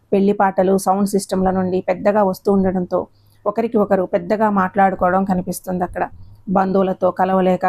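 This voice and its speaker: A woman narrating a moral story in an earnest, measured way. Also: medium pitch, mellow.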